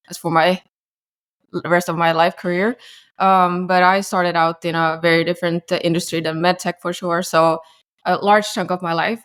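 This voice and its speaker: A woman in her twenties from Finland, talking as an interview guest over a remote call in a halting way, with many fillers and restarts. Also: on the low side. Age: 20s. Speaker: guest, startup founder. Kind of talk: casual interview talk.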